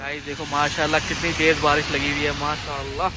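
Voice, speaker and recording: A young man filming a casual family travel vlog on a handheld phone, excitedly talking to viewers outdoors and from a car in heavy rain. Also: fairly high pitch, a little fast, over loud music. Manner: excitable, keeps addressing viewers as guys. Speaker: vlogger.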